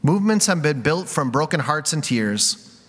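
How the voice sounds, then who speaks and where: A man with a bright, forceful, slightly high voice preaching a sermon. He tells a personal story in a candid, confessional way and laughs at himself. A long reverb from a big hall trails behind him. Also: big pitch swings, normal speed. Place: church sanctuary.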